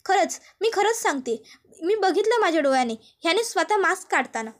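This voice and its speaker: A woman playing a scared aunt who stammers and begs, very high pitched, pressing and insistent, soap drama retelling. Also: big pitch swings, brisk. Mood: pleading accusing. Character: frightened middle-aged woman, stammering and pleading.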